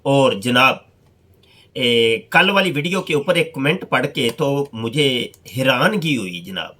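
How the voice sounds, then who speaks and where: A man's voice: medium pitch, animated, takes it slowly, sharp tone. A male religious scholar reads out an anecdote and then comments on it, stressing his points by repeating them. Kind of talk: polemical religious talk.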